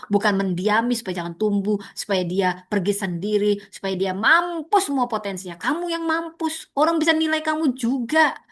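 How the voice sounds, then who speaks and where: A woman preaching a sermon, animated, repeating words for stress and jumping high to mimic others. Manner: animated, leaps to high pitch for emphasis and mock quotes; addresses listeners as "saudara", repeats words for stress.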